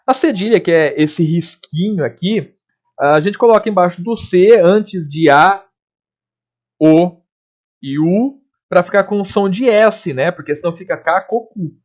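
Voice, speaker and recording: A man's voice: high voice, unhurried. A man teaching a spelling lesson, explaining step by step and checking in with his students often. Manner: explanatory, frequent check-ins like "tá?" and "ok?". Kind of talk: recorded grammar lesson. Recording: dull lo-fi lesson recording.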